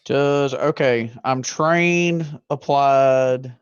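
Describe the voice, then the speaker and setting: A man's voice: medium pitch, fairly even intonation, extremely slow, smooth, no echo, highs cut off. A man playing a tabletop role-playing game, easygoing and chatty. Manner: easygoing, swears when frustrated. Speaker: player. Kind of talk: tabletop game play, casual chat.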